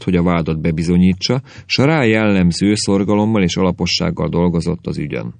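Deep, gravelly male audiobook narrator. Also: a little mellow, dry recording.

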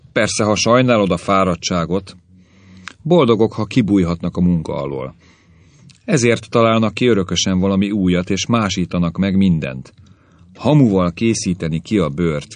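A man's voice: low-pitched, lively intonation, no room sound. A man voicing a grumbling old caveman grandfather who rants and complains about the young, in a story reading. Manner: querulous ranting.

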